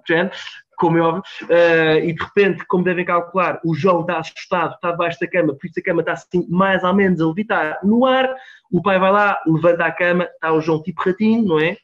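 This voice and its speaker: A man with a European Portuguese accent tells a story at a conference. He speaks in a fairly high voice, often repeating himself and checking in with the audience. The recording sounds dull and lo-fi. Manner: repeats words and tags lines with "não é?".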